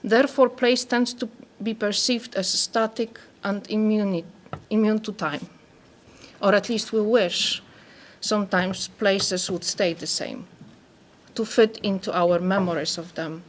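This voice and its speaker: A woman with a Polish accent reads a prepared talk in a soft, careful voice. Her pitch sits mid-range, and a faint hiss of background noise stays under her voice. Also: steady tone, measured pace. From Poland. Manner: soft-spoken, careful reading. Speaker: anthropologist speaker.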